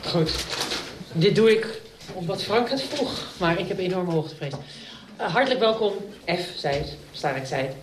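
A woman's voice: fairly low pitch, expressive, normal speed. A woman, a publishing director, giving a chatty, self-deprecating welcome speech at a book launch. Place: crowded room at a book launch. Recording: echoey room, distant mic, background noise.

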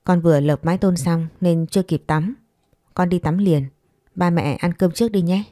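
A woman voicing a meek, patient young wife and mother who speaks gently and pleads softly. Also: on the low side, normal speed, dry recording, clean studio sound, natural voice. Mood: gentle pleading.

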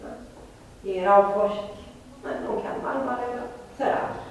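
A woman lectures a class and keeps asking "da?" after each point. Her voice comes from far off in a very echoey room, with faint noise behind it. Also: on the high side.

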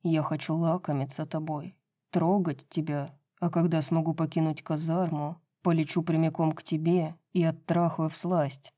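A woman voicing a low, seductive winged man. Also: little pitch movement, normal speed, mellow. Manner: low murmuring, husky seductive tone. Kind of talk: audiobook reading.

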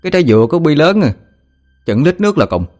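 Male narrator putting on a sulky, cocky young boy, Southern Vietnamese accent, raised pitch, faint music under. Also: big pitch swings, fast, a little mellow. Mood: boastful. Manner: pouting, whiny, cocky. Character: young village boy, sulky, boastful, whiny.

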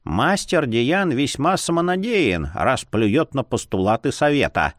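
A man voicing a stern, sharp-tongued old woman who keeps a library, scolding slowly and with emphasis. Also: mid-range voice, very animated, dry recording, studio quality. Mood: scornful. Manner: scolding, haughty, slow and emphatic.

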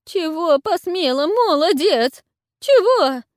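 A woman voicing a frightened, wheedling old witch with a shrill, wailing manner and folksy speech. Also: big pitch swings, unhurried, no echo, clean studio sound.

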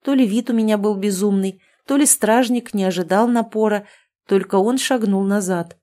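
A woman's voice: medium pitch, moderate pace, dark tone. Woman reading a fantasy story aloud. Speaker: audiobook narrator. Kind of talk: first-person fiction narration.

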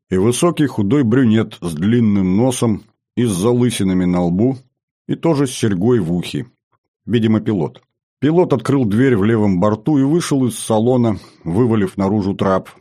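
Low, mellow male audiobook narrator. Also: normal speed. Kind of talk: first-person audiobook narration.

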